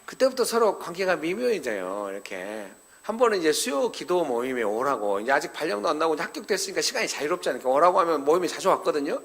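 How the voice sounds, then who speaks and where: A man's voice: fairly high pitch, very animated, fast, hardly any pauses, fairly bright tone. A male pastor giving a sermon at a parents' seminar, telling a story conversationally and acting out the dialogue, and speaking directly to the elderly members of the congregation.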